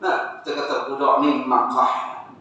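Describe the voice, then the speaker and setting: A man's voice: medium pitch, level tone, moderate pace, bright, forceful tone. A man preaching an evening sermon, often addressing his listeners and asking rhetorical questions. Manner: addresses audience repeatedly, asks rhetorical questions. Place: mosque hall. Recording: echoey hall, distant and dull mic.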